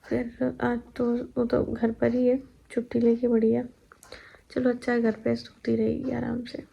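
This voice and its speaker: Tired young woman with a gravelly voice. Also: fairly high pitch, completely flat delivery, unhurried, muffled recording. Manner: chatty, laughing, recounting daily life. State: heavily pregnant and tired. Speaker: vlogger. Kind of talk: casual chat. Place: home.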